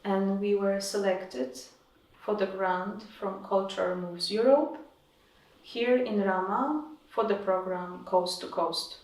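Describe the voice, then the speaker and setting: A woman, an artist talking in a measured way and searching for her words, recorded from a distance in an echoey room. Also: medium pitch, darkish tone. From Poland. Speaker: visiting artist. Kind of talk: reflective conversation.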